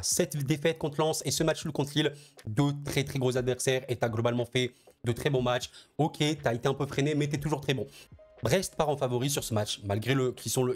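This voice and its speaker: A man's voice: medium pitch, a little mellow. A man with a French accent giving football predictions to his viewers in casual chat, piling up repeated words for emphasis. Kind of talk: casual spoken commentary to viewers.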